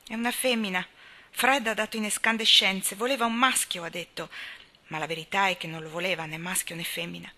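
A gossipy, opinionated spinster neighbor, voiced by a woman. She speaks with emphasis in a bright but low and gravelly voice. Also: flat delivery, fast.

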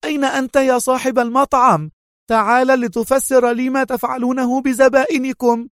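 A man putting on a shrill, indignant woman. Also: steady tone, fairly quick, no room sound, clean studio sound. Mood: outraged. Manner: shrill, scolding, haughty. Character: indignant American woman feigning outrage.

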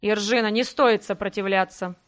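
A woman's voice: medium pitch, fairly even intonation, moderate pace, natural voice. Woman reading as a cold ruthless order leader. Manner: cold, commanding. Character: cold ruthless male head of religious order.

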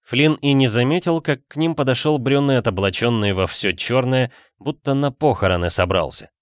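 A man narrating a story in a steady, measured audiobook reading. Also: medium pitch, no room sound, clean studio sound.

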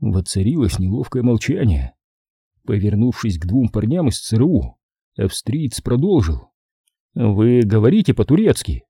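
A man narrating an audiobook in measured storytelling, voicing the characters. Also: on the low side, big pitch swings, warm tone, breathy edge, no room sound, studio quality. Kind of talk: scripted narration.

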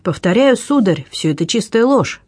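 A man's voice: high-pitched, animated, normal speed, a little mellow, breathy edge, no room sound, voice pushed up. A man reading an audiobook, voicing a proud noblewoman, a duchess who is agitated and exclaims in a raised voice. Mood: distraught.

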